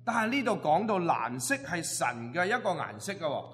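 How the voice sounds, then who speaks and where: Lively high-voiced preacher in a reverberant hall. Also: male voice, fairly quick, a little hiss or hum. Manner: emphatic, repetitive short phrases. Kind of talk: sermon with line-by-line interpretation.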